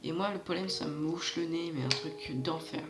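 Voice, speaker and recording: Stuffy-nosed from hay fever, a man hosting a gaming channel rambles casually through let's-play commentary aimed right at his viewers. His voice is fairly high-pitched at a moderate pace, with a roomy sound.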